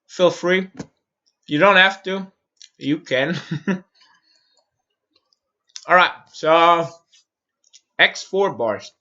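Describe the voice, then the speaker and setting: Man, slow and bright-voiced, muttering to himself, live-stream tutorial, dull lo-fi sound. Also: a little high. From Austria. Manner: mutters to himself while working, answers chat questions. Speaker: streamer building a stage in design software.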